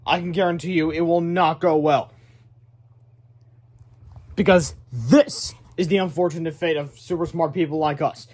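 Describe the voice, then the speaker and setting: Animated man reading a kids' book aloud. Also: on the high side, moderate pace, long pauses. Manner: animated, with excited asides. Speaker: read-aloud narrator. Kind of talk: children's book read-aloud.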